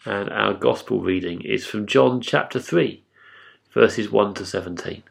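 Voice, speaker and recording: A man, a pastor, reading scripture aloud and leading a sermon with an expressive, emphatic delivery. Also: fairly low pitch, unhurried, gravelly.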